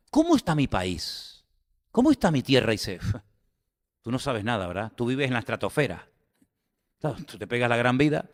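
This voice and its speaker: A male pastor delivering an animated, conversational sermon to his congregation, full of rhetorical asides. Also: mid-range voice, long reverb tail. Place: church.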